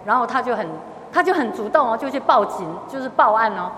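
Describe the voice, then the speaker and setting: A woman's voice: on the high side, animated, quick pace, a bit bright, reverberant, long reverb tail, slight background noise. A middle-aged woman with a Taiwanese accent, a lay Buddhist speaker telling a gathering about her experiences and slipping into Hokkien phrases. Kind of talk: testimony talk to a gathering.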